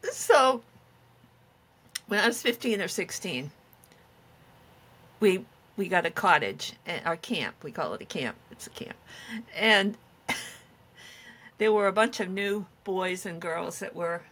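A woman's voice: mid-range voice, pushed and bright, husky. A middle-aged woman co-hosting a podcast, telling meandering, self-deprecating stories in casual chat. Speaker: podcast co-host.

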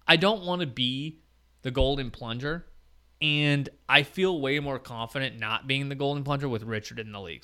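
Bright, clear-voiced male host. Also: mid-range voice. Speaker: host and league commissioner. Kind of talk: casual sports chat.

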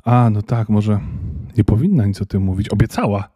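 Man as a fussy, wary little elf; grumbling and reluctant, dark husky storybook voice. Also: fairly low pitch, expressive, normal speed, no room sound, studio quality. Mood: indignant. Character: fussy small male Christmas elf, wary.

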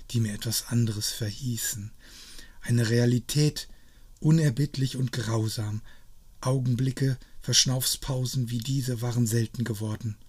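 Slow husky guy reading a story, dry and wry. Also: mid-range voice, darkish tone. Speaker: narrator.

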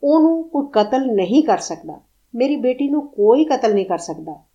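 A woman's voice: a little high, very animated, moderate pace, warm tone, dull audio, voice pushed up. A woman voicing a grief-stricken, crazed old mother who speaks with steely, unshakable conviction. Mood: insistent.

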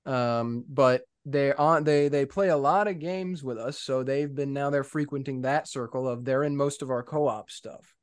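A man's voice: medium pitch, normal speed, no echo, clean studio sound. A young man co-hosting a gaming podcast in casual chat, easygoing and given to trailing off and repeating himself. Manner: relaxed, trails off and repeats words. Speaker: podcast co-host.

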